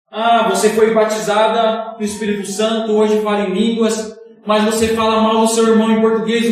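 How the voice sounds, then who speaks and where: Man preaching in a church, kinda high voice, booming echo, sounds far off the mic. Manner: leads the congregation in call-and-response; addresses listeners as brothers, asks pointed questions. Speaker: evangelist preaching. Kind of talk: sermon. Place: church hall. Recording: very echoey hall, picked up from far off.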